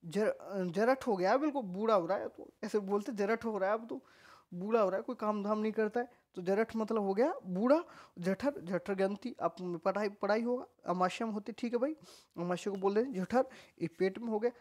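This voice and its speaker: A man's voice: sits high, moderate pace, a little mellow. A male Hindi grammar teacher speaks with a Rajasthani accent, leading an informal exam-prep class. He keeps repeating each word several times and breaks off now and then to chat with his students. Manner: repeats words many times, chatty asides to students. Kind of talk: casual online exam-prep lesson.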